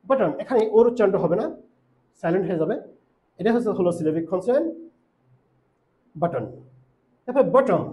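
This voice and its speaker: A man with a Bangladeshi accent teaching English pronunciation, explaining slowly and repeating each example word. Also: high voice, dark tone, low-quality recording. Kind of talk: recorded pronunciation lesson.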